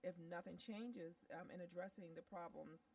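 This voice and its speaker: A woman's voice: on the low side, normal speed, gravelly, a little mellow, distant mic. A woman co-hosting a radio interview, asking earnest, puzzled questions.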